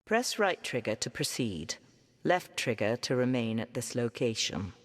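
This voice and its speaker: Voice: medium pitch, big pitch swings, unhurried, a bit bright. A game narrator reading scripted menu prompts and instructions. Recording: reverberant, music behind.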